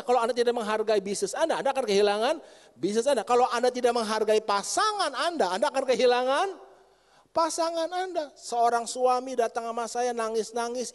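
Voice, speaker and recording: Man, pastor, middle-aged, lively sermon, high voice, long church reverb. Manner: lively preacher, addresses congregation directly. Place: church hall.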